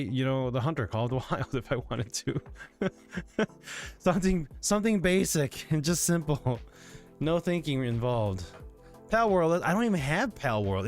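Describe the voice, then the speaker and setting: A man's voice: mid-range voice, gravelly. A sleepy man chatting casually with viewers from his home gaming setup, rambling with lots of fillers. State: sleepy, yawning. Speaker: livestreamer.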